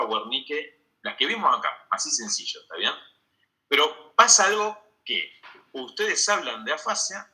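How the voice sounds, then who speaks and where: A man lectures medical students in an online class. His voice is very bright and sharp, and he keeps checking understanding with a quick "¿sí?" as he explains each point. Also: fairly high pitch, poor audio.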